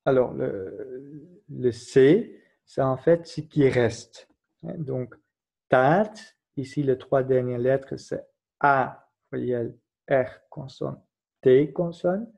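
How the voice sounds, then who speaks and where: A man's voice: mid-range voice, very slow, creaky, a little mellow, breathy edge. A man giving a recorded grammar lesson, patiently explaining rules and spelling out letters one at a time. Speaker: teacher. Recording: dull lo-fi recording.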